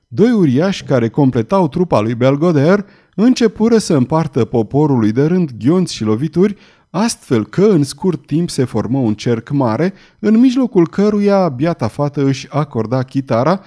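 A man narrating a historical novel in an expressive, theatrical reading style. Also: fairly high pitch. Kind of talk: dramatic audiobook narration.

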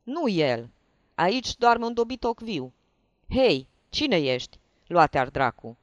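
A narrator voicing a startled young clerk who shouts roughly in an audiobook reading. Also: medium pitch, big pitch swings, no room sound, muffled recording, pitched above the performer's own voice, lightly acted. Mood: shouting.

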